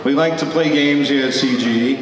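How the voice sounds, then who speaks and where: A man's voice: medium pitch, normal speed. Male auctioneer in a big echoey hall. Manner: auctioneer calling bids and counting down. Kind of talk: live auction calling, informal and joking. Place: large echoey hall at a convention. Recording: echoey hall, far from mic, loud crowd. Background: loud crowd.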